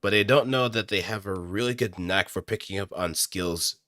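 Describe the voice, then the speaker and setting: Speaking into a close studio microphone with a dry sound, this would-be voice actor rambles hesitantly to his viewers as he thinks out loud. His voice sits on the low side, pushed and bright, at a moderate speed.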